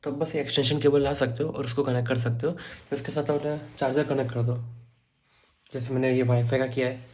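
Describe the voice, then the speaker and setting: A young man from India talks quickly and chattily, tossing in joking asides as he shows off his student room. His voice is dark and mellow, held to a flat, even pitch. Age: young adult. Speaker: vlogger. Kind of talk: casual vlog walkthrough.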